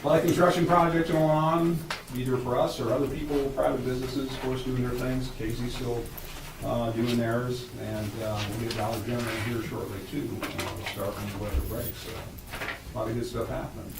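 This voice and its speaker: A man's voice: medium pitch, steady tone, brisk. An American man, a city official, giving a casual, folksy spoken update at a meeting. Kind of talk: casual spoken project report. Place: echoey meeting room. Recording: distant mic, roomy echo, clear background noise.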